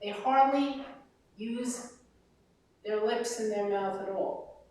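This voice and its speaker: Woman vocal coach, unhurried, demonstrative, recorded from across a very reverberant room. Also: a little high, slight background noise. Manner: animated, demonstrates sounds and sung lines. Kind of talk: master class teaching. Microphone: distant room mic. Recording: very echoey room from far off.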